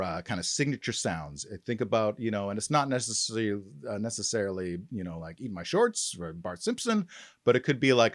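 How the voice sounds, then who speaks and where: A man's voice: mid-range voice, dry recording, clean studio sound. A man who works as a voice actor, chatting animatedly and laughing often while giving tips. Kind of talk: casual chat.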